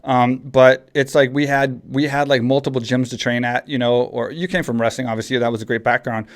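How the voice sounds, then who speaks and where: A man's voice: mid-range voice, fairly even intonation, brisk. A man in his forties from Texas hosting a podcast, talking casually and rambling with many restarts. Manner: rambling, frequent restarts and fillers. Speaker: podcast host. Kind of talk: casual chat.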